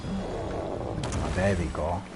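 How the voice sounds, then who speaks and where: A man with a low, gravelly voice speaks very slowly while his pitch swoops wildly, thinking out loud as he plays a game on a live stream. There's mild swearing, background noise, and loud game music and effects.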